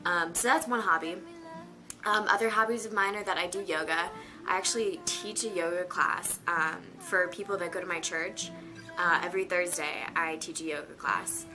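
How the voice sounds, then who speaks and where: Young woman, nineteen, lower voice; rambling casual vlog chat from her bedroom with background music. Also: fairly even intonation, normal speed. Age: teens. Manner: chatty, rambling with many fillers. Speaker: vlogger. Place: her bedroom on a rainy day.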